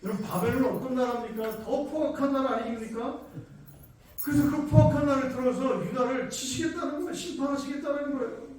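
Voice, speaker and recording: A man's voice: very high voice, a little fast, a little mellow, faint music behind. A male pastor preaching a sermon, emphatic, full of rhetorical questions. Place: church prayer room. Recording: very echoey room, far mic, faint hiss.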